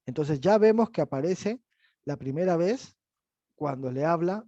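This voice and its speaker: A man's voice: a little high, expressive, a little slow, mellow, no room sound, dull audio. A man teaching a bible class, explaining step by step and checking in with the listeners as he goes. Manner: explanatory, asks the audience "¿verdad?".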